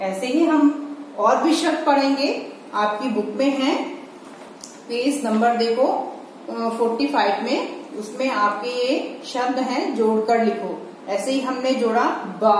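A woman's voice: fairly high pitch, slight background noise. A woman teaching Hindi to small children in a patient lesson, sounding out syllables and asking rhetorical questions. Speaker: primary school Hindi teacher. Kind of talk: slow, patient classroom lesson video. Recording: echoey room, voice a bit distant from the mic.

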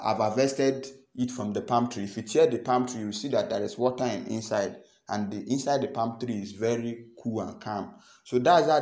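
A man's voice: medium pitch, dark tone. A young Nigerian man with a Nigerian accent, explaining step by step to camera and often repeating himself. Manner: repeats phrases, earnest and explanatory. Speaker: farming channel host. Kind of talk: instructional vlog talk to camera. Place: small indoor room. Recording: echoey small room.

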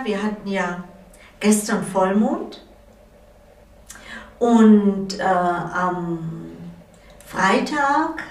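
A middle-aged woman hosting a calm spiritual talk show, speaking gently with many pauses. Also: fairly high pitch. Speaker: host. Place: living-room studio with wall hangings. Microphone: far camera. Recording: roomy sound from a distant mic.

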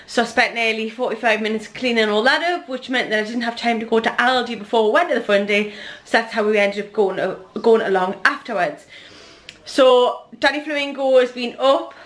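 A woman's voice: on the high side, brisk. A woman in her thirties with a Geordie accent, chatting casually to her camera at home in a rambling family vlog. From North East England. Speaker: vlogger, mother.

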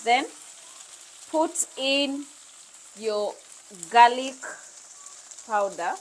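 A woman's voice: on the high side, extremely slow. A woman in her thirties with a Kenyan accent, hosting a casual cooking demonstration in her home kitchen and chatting freely with viewers. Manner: chatty, mixing English with Swahili phrases. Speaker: cooking show host. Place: bright home kitchen, indoors.

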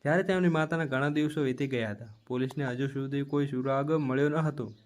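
A man telling a dramatic family story as a steady, plain storyteller. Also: medium pitch, brisk.

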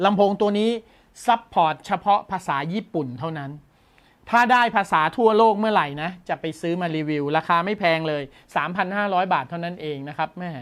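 Man, tech news host, casual commentary, excitable, exclaims a lot. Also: high voice. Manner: enthusiastic, exclaims often.

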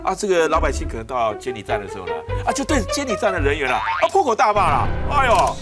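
An actor playing a blustering, self-important middle-aged politician in a comedy sketch, with a Taiwanese Mandarin accent, bombastic and forever asking "right?". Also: male voice, fairly high pitch, wildly swooping pitch. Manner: bombastic, keeps asking "right?", drawn-out exclamations. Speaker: satirical politician character. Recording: loud music underneath.

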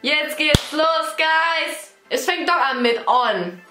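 A woman hosting a reaction video, gushing excitedly and dropping English exclamations into her talk. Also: sits high, slow pace. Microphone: headphones on, desk mic. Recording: roomy echo with faint music behind.

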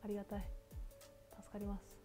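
A woman's voice: mid-range voice, completely flat delivery, brisk, over music. A woman in her twenties chatting casually while seated for a foot massage, close on a lapel mic. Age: 20s. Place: small indoor treatment room, seated in a chair.

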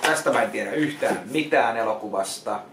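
A man talking casually in a vlog as he goes through donated films, repeating words, restarting and giving plain verdicts. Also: mid-range voice. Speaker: vlogger unboxing donated films. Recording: echoey room with loud noise.

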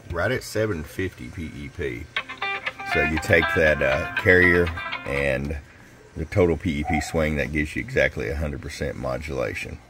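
A man hosting his radio shop's video, casually walking a customer through a tuned-up radio in a folksy, relaxed way. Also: very deep voice, normal speed, over loud music. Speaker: radio shop host. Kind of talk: casual product demonstration. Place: radio workbench in a shop.

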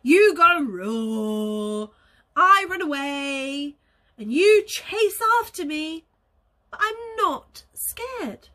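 A woman voicing a kind, cheerful female goose in a storybook, speaking politely and gently. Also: extremely high pitch, sing-song, slow, pitched above the performer's own voice, exaggerated voice. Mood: friendly.

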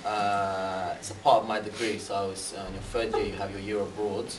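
Speaking quickly in a lowish voice, this young adult from Britain is a university student invited as a guest speaker, seated and answering questions. His rambling replies are full of fillers and restarts, with lively hand gestures. The large indoor room with a banner sounds roomy and echoey, recorded from afar by a camera with faint hiss.

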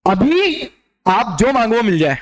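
A man with a high voice lectures a class as an exam coach. He teases his students and keeps throwing rhetorical questions at them, like a classroom talk. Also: big pitch swings, a little slow. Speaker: exam-prep teacher.

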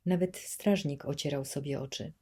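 A woman narrating an audiobook in a steady, measured storytelling manner. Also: sits low, slightly rough. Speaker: audiobook reader.

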